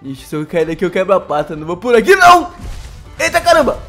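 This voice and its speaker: A Brazilian man giving casual gameplay commentary, excitable and often laughing, talking straight to his viewers. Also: a little high, racing, faint music behind. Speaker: gaming YouTuber.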